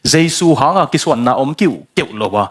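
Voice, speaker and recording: A man's voice: fairly high pitch, animated, quick pace, husky. A man preaching a sermon, building emphasis and dropping in English phrases.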